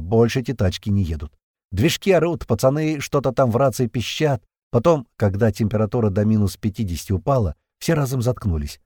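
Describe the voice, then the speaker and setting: A male narrator reads a tense first-person story with a low, animated voice. The recording is dry and close, with no room sound. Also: breathy edge, no echo. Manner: lively, tense storytelling with swearing.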